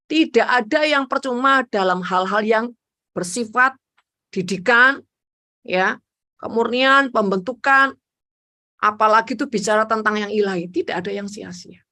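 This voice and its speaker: A woman evangelist delivers a sermon in a bright, ringing voice set a little high. She preaches emphatically and animatedly, dropping into quiet acted prayers and then surging back up. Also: vocal fry.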